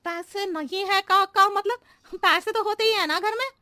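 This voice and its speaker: A woman's voice: very high-pitched, normal speed, pushed and bright, no room sound, clean studio sound. A woman voicing a scatterbrained housemaid who talks in rambling circles and riddles in a comedy cartoon. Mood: whiny, pleading. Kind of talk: exaggerated Hindi cartoon comedy acting.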